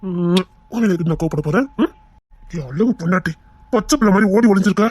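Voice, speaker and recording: A woman voicing a remorseful, tender young husband with a Tirunelveli Tamil accent, in a web-series drama. She pleads and repeats apologies quickly. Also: lowish voice, a little mellow, breathy edge. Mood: teasing.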